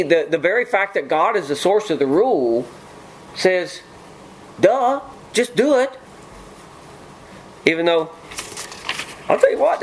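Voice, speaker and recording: A man's voice: a little high, rough recording. A middle-aged man preaches an informal sermon. He talks in a folksy way, teasing members of the congregation between verses. A faint ambient hum sits under his voice. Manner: folksy, joking asides to the congregation.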